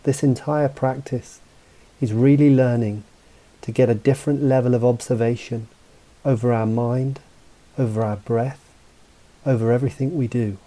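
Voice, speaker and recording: A meditation guide and mental coach leads a mindfulness session in a very dark, soft-edged, relaxed voice of ordinary male pitch. He speaks calmly and measuredly, leaving gaps between phrases as he offers gentle instructions.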